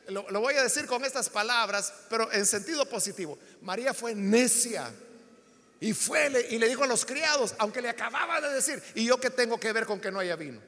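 A man's voice: very high-pitched, bright, forceful tone, in a large hall. A man preaching a sermon, passionately acting out the dialogue of his stories. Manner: impassioned, acts out biblical dialogue.

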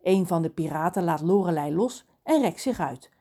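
A woman narrating a children's audiobook in an expressive storytelling manner. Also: fairly low pitch, moderate pace, slight background noise.

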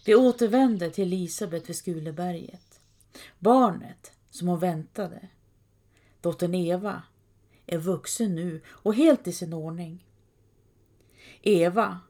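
Calm woman telling a historical story. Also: fairly low pitch. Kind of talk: scripted historical narration.

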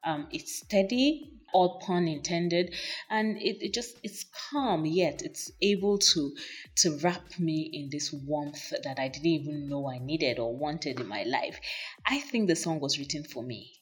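Low-voiced woman gushing about a song. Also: expressive, unhurried, slightly rough. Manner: enthusiastic, gushing. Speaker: music reviewer. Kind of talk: casual song review.

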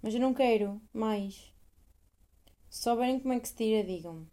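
A woman's voice: a little high, moderate pace, dark tone. A young woman with a European Portuguese accent, hosting a casual solo podcast, rambling, swearing freely and poking fun at herself. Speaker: podcast host.

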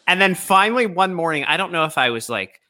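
Bright-voiced teasing man host. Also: high-pitched, expressive, quick pace. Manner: teasing, storytelling. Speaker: host, comedian. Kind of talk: casual conversation.

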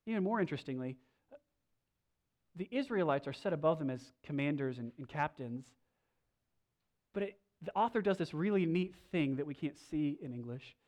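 A Bible teacher walks through a passage in a study lesson. The delivery is animated and full of rhetorical questions. Key words come out loud and emphatic, and side remarks drop to a near murmur. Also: mid-range voice, normal speed, pauses often. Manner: swings between loud emphasis and quiet asides.

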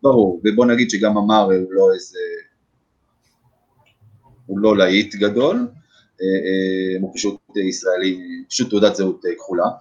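Low-voiced podcast host, muffled lo-fi sound. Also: male voice, fairly even intonation, a little mellow. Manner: hesitant, lots of fillers, steers the talk. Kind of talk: casual sports podcast chat. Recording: dull lo-fi audio.

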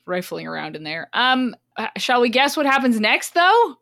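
A woman's voice: a little high, animated, normal speed, vocal fry, fairly bright tone, no room sound, studio quality. A woman hosting a casual book-club podcast, chatty and often breaking into laughter mid-sentence. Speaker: podcast host.

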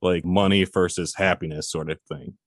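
A man's voice: deep voice, fairly even intonation, moderate pace, dry recording, studio quality. A man chatting on a casual podcast in an offhand, jokey, laid-back way.

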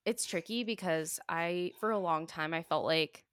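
A woman about to turn thirty co-hosts a casual podcast. She is playful and self-mocking and laughs often. Her voice sits a bit low, and the sound is dry and close. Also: normal speed, a bit bright, clean tone, no room sound. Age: 20s. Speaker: podcast co-host. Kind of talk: casual chat.

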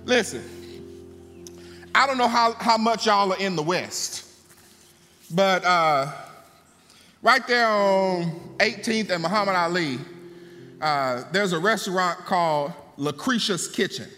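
In a church sanctuary, a man preaches in a high-pitched, bright, forceful voice, moving slowly and pausing often. He blends fervent preaching with folksy asides to the congregation, with long hall reverb and faint music in the recording.

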